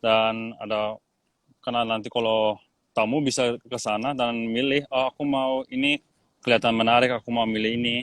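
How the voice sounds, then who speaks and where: A man's voice: medium pitch, level tone, normal speed, fairly bright tone, no echo. A man in his twenties from Switzerland, a tour guide, chatting as a guest in a laid-back, easygoing way over a video call. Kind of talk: casual interview chat.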